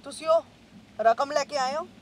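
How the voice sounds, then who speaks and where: A woman's voice: high voice, normal speed, a little hiss or hum, low-quality recording. A woman acting a fake holy healer who preaches and demands money in a comedy short film.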